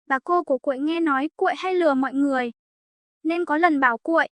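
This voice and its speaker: A woman narrating a folk tale as a storyteller, voicing the characters in her own steady voice. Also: sits high, fast talker, no room sound.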